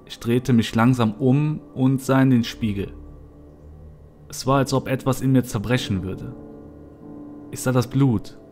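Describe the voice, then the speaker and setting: A man narrating a horror story in the first person, in a somber, low-key manner. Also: measured pace, long pauses. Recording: soft music behind.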